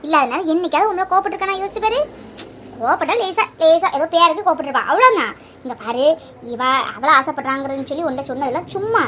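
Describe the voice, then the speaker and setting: A woman's voice: very high voice, fairly bright tone, slight background noise. A woman voicing a middle-aged aunt in a cartoon, scolding and bossy in manner. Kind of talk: cartoon voice acting.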